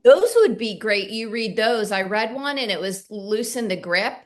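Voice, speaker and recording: A woman's voice: medium pitch, animated, normal speed. Woman cohost chatting casually, swears a lot, acts out her own thoughts. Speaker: co-host. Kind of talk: casual chat.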